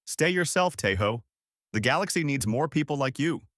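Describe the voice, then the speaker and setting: Male narrator doing a kind, regal alien queen; calm, measured, dry recording. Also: mid-range voice, no echo, voice pushed up, natural voice. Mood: gentle regal. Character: gentle, wise alien queen, female, regal.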